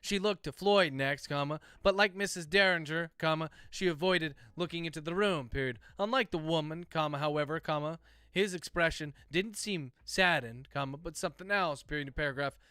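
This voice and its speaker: A man reading story text aloud as dictation, speaking each comma and paragraph break in a steady cadence. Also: on the high side, brisk, smooth, dry recording, clean studio sound. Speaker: narrator dictating a novel.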